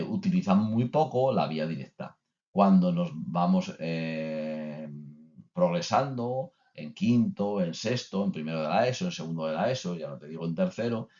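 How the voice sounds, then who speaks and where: A man's voice: low-pitched, darkish tone. A man giving a recorded course lecture to teachers, conversational, with many filler sounds and restarts. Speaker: teacher trainer. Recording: dull lo-fi recording.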